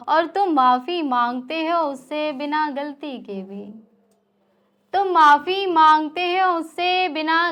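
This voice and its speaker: A young woman reciting her own poetry at an open mic. She says each couplet twice, the second time louder and with more force. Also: high-pitched. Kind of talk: reciting Hindi poetry on stage. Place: small live stage.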